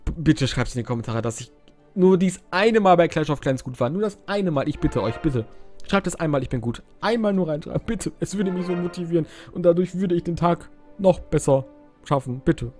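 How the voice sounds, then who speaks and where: A man's voice: a little high, animated, fairly quick, a little mellow, soft background music. A young man giving casual, rambling gameplay commentary, cracking crude jokes and interrupting himself. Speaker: Let's Play host.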